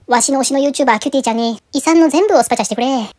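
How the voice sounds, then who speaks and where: A woman's voice: sits high, very fast, darkish tone. A woman voicing an elderly father who reads out his will as an obsessed fan, in an old-man way of speaking. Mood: earnest. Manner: old-man speech, earnest yet silly.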